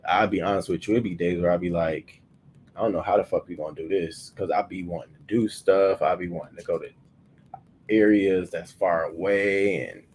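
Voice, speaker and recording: A man in his thirties hosting a livestream morning show, chatting loosely with profanity and sudden loud bursts into a webcam mic. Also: low-pitched, slight background noise. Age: 30s. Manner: loose, profane and animated, often bursting louder. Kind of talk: casual livestream chat.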